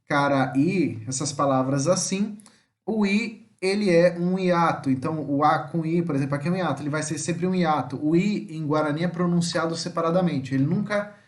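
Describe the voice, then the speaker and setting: A man with a Brazilian Portuguese accent teaching an online language lesson, patiently explaining and often checking in with the listener, slowly spelling out words syllable by syllable. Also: on the high side.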